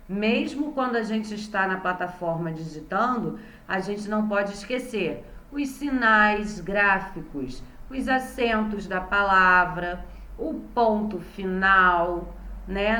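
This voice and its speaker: A primary school teacher with a Brazilian Portuguese accent recaps a remote lesson for young children, patiently sounding out words syllable by syllable. Her medium-pitched voice is bright and forceful, and the recording has a roomy echo.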